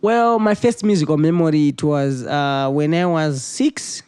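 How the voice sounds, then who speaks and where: Halting young man, dry studio. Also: fairly high pitch, darkish tone, clean tone, no room sound. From Zimbabwe. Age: 20s. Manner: halting, repeats words while searching for phrasing. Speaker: musician guest. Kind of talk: interview answers.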